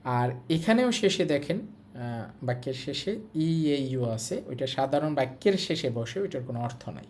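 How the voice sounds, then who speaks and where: A man from Bangladesh leads a language lesson at a mid-range pitch. He works through a textbook line by line, repeating each word and its meaning. Faint noise sits under his voice. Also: expressive, normal speed, a little mellow. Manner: explains step by step, repeats words and meanings. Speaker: language teacher.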